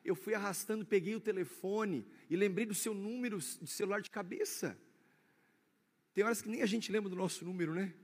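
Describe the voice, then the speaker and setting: A man with a Brazilian accent preaching a sermon as pastor, swinging between loud declarations and hushed asides. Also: sits high, a little fast. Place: church. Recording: echoey church hall.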